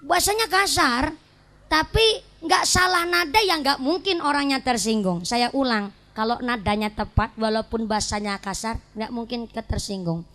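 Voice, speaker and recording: A woman preacher with a Banyumasan ngapak accent, giving a humorous sermon to a congregation and telling lively stories. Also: fairly high pitch. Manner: lively storytelling, mimics voices and mixes local dialects for jokes. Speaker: female Islamic preacher.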